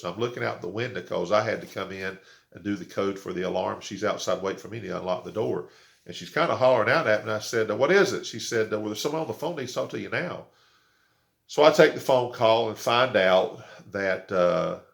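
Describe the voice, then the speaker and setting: A man pastor telling a story in a halting devotional talk, with many fillers and repeated words. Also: low voice. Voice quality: gravelly.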